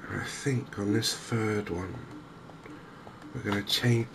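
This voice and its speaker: An Englishman hosts a cozy ASMR gaming video, giving soft-spoken game commentary in a low, gentle voice with a creaky edge. He talks very slowly and evenly in a steady tone, with ambient noise clearly audible behind him.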